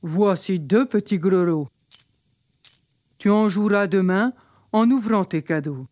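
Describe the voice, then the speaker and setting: A woman reading a gentle old neighbour man. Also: mid-range voice, takes it slowly, no echo, natural voice. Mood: kindly. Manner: gentle, welcoming. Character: kindly old man, warm host.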